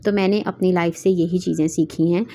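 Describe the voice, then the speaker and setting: A woman's voice: on the low side, fairly even intonation, brisk, mellow. A woman, giving casual, earnest advice to wives as a vlogger and mixing in English words. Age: 30s. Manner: earnest, mixes English words into Urdu-Hindi speech.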